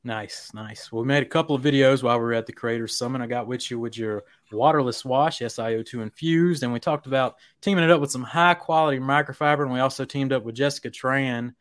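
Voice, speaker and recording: Man, podcast host, relaxed, easygoing, dry close sound. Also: medium pitch, quick pace, few pauses, no room sound. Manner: relaxed, easygoing banter with fillers. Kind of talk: casual podcast hosting.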